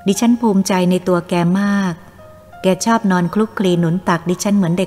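A woman narrates a first-person audiobook story, her delivery slow, tender and full of feeling. Her voice sits in a long, echoing reverb. Faint music plays underneath. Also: medium pitch, steady tone, a little mellow.

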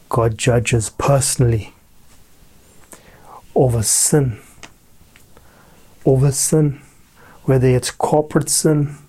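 Male preacher, unhurried, emphatic repetition, mid-pitched. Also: a little mellow, husky. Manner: slow, deliberate, emphatic repetition. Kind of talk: sermon with scripture reading.

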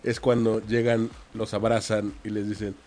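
A man's voice: fairly low pitch, flat delivery, normal speed, heavy background noise. A man in casual podcast chat, telling wry anecdotes. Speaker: podcast co-host.

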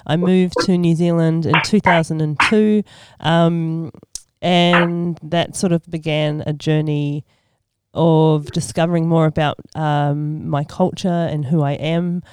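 A woman's voice: low voice, fairly even intonation, slow, background noise. A woman in her forties from Australia, a podcast guest speaking in a thoughtful, hesitant way with many ums. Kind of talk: casual podcast chat.

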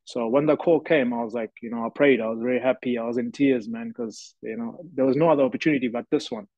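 A man's voice: mid-range voice, fairly even intonation, fast talker, a little mellow, dry recording. Earnest man, dry dull audio. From South Africa. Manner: earnest, reflective storytelling. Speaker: guest, professional rugby player. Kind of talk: podcast interview.

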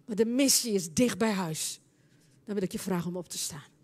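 A woman preaching and praying in a charismatic church service, speaking fervently and building into loud, impassioned prayer. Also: medium pitch, moderate pace. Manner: speaks in tongues between prayers.

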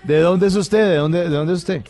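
A man's voice: high-pitched, moderate pace, warm tone, soft background music. A man co-hosting a radio call-in show, playful and teasing. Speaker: radio host. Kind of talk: casual radio chat.

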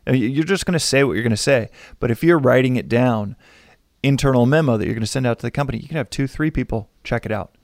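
A man interviewing a guest in a casual chat, speaking in a measured way. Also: medium pitch.

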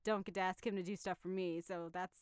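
A woman's voice: on the low side, little pitch movement, fast talker, clear, resonant tone, no room sound, studio quality. A young married woman co-hosting a podcast, chatting casually, teasing and laughing a lot. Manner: giggly, playful teasing. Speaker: podcast co-host. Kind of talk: casual chat.

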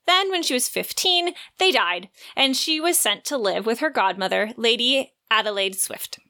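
Co-hosting a book podcast, this woman alternates casual chat with passages read from her notes, including a synopsis. Her voice runs on the high side and sounds animated, pushed, and bright at a moderate pace.

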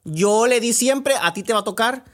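A man's voice: very high voice, normal speed, pitched above the performer's own voice. A man voicing a stubborn young boy, arguing insistently against a chore. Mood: refusing.

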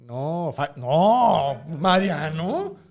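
Mexican male co-host, high lively voice, playful chatter. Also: very slow. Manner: playful, animated, jokey asides. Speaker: podcast co-host. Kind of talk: casual chat.

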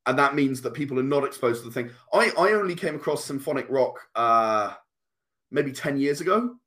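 A comic and game creator in his late thirties chats as a guest in a casual podcast interview, earnest and emphatic, repeating phrases for stress. His mid-range voice is a bit bright, slightly fast, with lively intonation.

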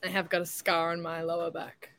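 A woman's voice: on the low side, monotone, fairly quick, fairly bright tone, dry recording. A young woman chatting casually as an interview guest, talkative and self-deprecating. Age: young adult. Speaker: interview guest, beauty pageant contestant.

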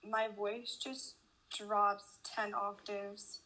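A young woman in casual chat with friends, thinking out loud in quick bursts. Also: medium pitch, flat delivery, poor audio. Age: young adult. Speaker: co-host.

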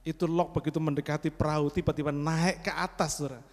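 Brief: male preacher, higher-pitched voice, dramatic storyteller, long hall reverb. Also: little pitch movement, fast talker. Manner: dramatic storytelling with sudden loud exclamations; repeatedly addresses the congregation. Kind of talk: sermon.

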